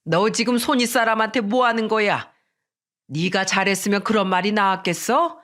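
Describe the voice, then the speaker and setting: A woman's voice: medium pitch, normal speed, fairly bright tone, close to an everyday voice. A woman reading the part of a stern elderly mother-in-law who scolds and commands her family. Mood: scolding.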